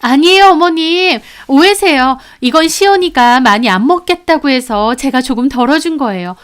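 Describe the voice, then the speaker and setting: A woman's voice: sits high, animated, moderate pace, fairly bright tone, pitched above the performer's own voice. A woman voicing a sly daughter-in-law who makes falsely polite excuses in a dramatized story. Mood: falsely sweet.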